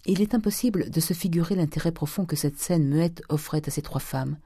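A man narrating a classic novel as an audiobook in a measured, even way. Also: on the high side, breathy edge. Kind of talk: scripted narration.

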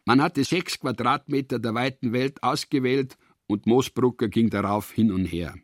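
A man narrating a radio drama in a calm, steady reading. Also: medium pitch, moderate pace, no room sound, clean studio sound.

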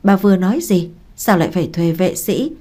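A woman's voice: fairly low pitch, lively intonation, a little fast, warm tone. A woman voicing an older father who is stern and indignant in defense of his daughter. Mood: worried. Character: angry protective father, older man.

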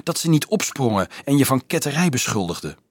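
A man voicing a worldly young male student who speaks softly and wryly, in a husky voice. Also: mid-range voice, sing-song, a little fast, dry recording, pitched above the performer's own voice. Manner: soft-spoken, wry, mildly lecturing.

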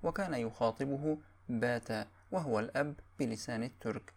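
A man narrates a classical historical text at an even, measured pace. His voice sits at a middle pitch with a gravelly, creaky edge, and his diction stays formal throughout.

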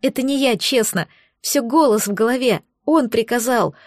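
A woman reading an audiobook, voicing a frightened young woman who pleads quickly in a higher voice. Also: no room sound, studio quality, close to an everyday voice. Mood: pleading.

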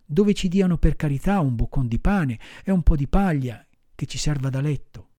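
Storybook puppet boy, read by a man: raised pitch, earnest, lively, dark-toned. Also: moderate pace, no room sound, studio quality. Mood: tender.

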